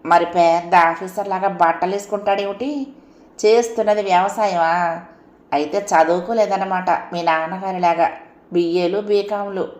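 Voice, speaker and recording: A woman's voice: on the low side, fairly even intonation, normal speed, darkish tone, echoey room, lightly acted. A woman voicing a nosy, bossy middle-aged housewife who nags and gossips irritably. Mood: gossipy.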